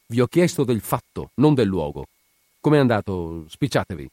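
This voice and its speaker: A man voicing a brisk, impatient doctor who gives curt, clipped orders. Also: on the low side, big pitch swings, a little mellow, no echo, studio quality. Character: middle-aged male doctor, brisk and impatient.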